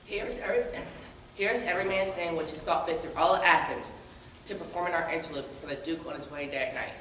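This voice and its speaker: A woman's voice: fairly low pitch, fast, a bit bright, a little hiss or hum, close to an everyday voice. A woman playing a fussy workman who hands out parts for a play, speaking in a bossy stage voice from far off in an echoey hall.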